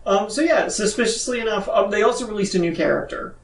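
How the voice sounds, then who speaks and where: A man's voice: high voice, expressive, fast talker, gravelly, echoey room, distant mic, background noise. A man co-hosting a gaming news podcast, reading news items casually with lots of fillers. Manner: chatty, reads news items with frequent fillers. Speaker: podcast co-host. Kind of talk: casual chat.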